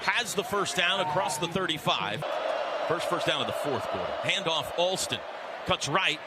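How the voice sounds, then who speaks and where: Over the roar of a stadium crowd, an American radio announcer delivers football play-by-play live in short, staccato bursts. He speaks expressively at a moderate pace, his voice sitting on the high side.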